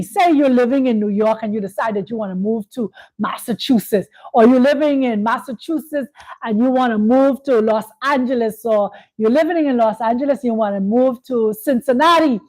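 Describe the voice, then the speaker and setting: A woman's voice: on the high side, darkish tone, rough recording. A woman hosting a spiritual talk, speaking in a preachy way, repeating phrases and checking in with "you see?". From Bahamas. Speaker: host. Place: Kenya.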